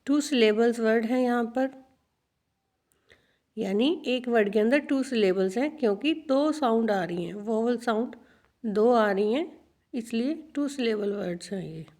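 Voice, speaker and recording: Woman teaching slowly. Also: fairly high pitch, darkish tone. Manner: repeats words slowly, addresses students as children. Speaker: English teacher. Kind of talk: teaching a video lesson.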